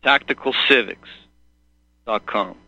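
A man heard over a dull phone line, his voice bright and sharp yet muffled by the call. He talks slowly, rambling and halting as he searches for words. He is calling in to a radio show. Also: lowish voice, creaky, no echo. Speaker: caller.

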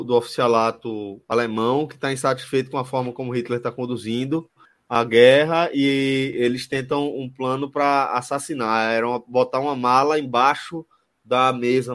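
A man chatting casually as a podcast co-host. His voice sits at an ordinary middle pitch. He talks haltingly, restarting phrases while he searches his memory. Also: fairly bright tone. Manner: hesitant, restarts while trying to remember. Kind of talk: casual chat.

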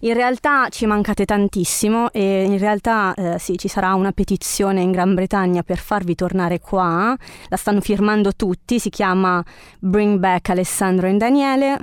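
A woman's voice: mid-range voice, steady tone, normal speed, smooth, no room sound, studio quality. A woman hosting a casual chat show in a playful, teasing manner. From central Italy. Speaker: host. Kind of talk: casual chatty radio-style hosting.

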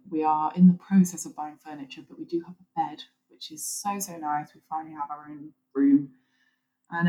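A British woman in her twenties, croaky from a cold, chatting casually and enthusiastically as a podcast co-host. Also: fairly low pitch, a little mellow, highs cut off. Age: 20s. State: croaky from being ill. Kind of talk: casual chat.

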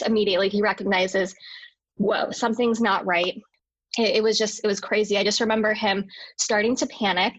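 Young adult woman, hospital staff, recounting a personal story earnestly, with restarts, mid pitch, dry room. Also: a bit bright, no room sound, highs cut off. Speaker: interview guest, hospital worker.

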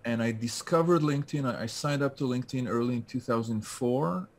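A man from France talks fairly quickly in a medium-pitched voice as a LinkedIn specialist guesting on a casual call interview, stumbling through many hesitations and restarts.

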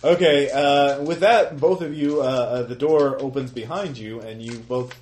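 A man narrating as game master of a tabletop role-playing game, talking in a halting way with many fillers and restarts. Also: medium pitch, a little mellow.

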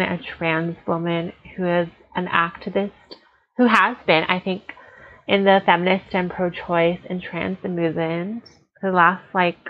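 A woman's voice: fairly low pitch, phone-quality sound. A woman co-hosting a podcast, reading an opening and introducing a guest in a friendly, loosely scripted way. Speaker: podcast co-host.

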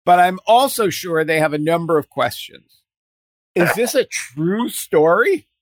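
A man hosting an interview, asking measured, clarifying questions for listeners. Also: high voice, expressive, no echo. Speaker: radio interviewer.

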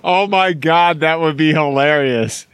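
A man's voice: on the high side, unhurried, a bit bright, clear, resonant tone, no echo. A man with a Missouri accent co-hosting a podcast in casual, jokey chat. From Missouri, United States. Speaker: podcast co-host.

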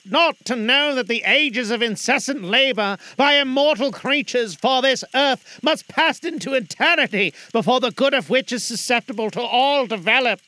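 A man voicing the mournful, chained ghost of a dead old businessman, speaking in a solemn, slow lament. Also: very high voice, bright, forceful tone, voice pushed up.

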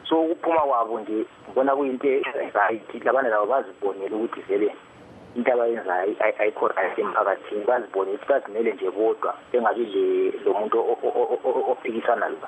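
Male caller, Zimbabwean Ndebele accent, rapid but halting delivery, narrow phone sound. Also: on the low side. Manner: halting, repeats word beginnings. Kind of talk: giving an opinion on a live call-in. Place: phone call. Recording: noisy, muffled, tinny phone line.

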